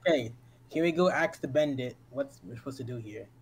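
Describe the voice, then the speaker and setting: A man's voice: medium pitch, fairly quick, a little hiss or hum. A man playing a tabletop game, talking casually in character. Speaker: player. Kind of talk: casual play.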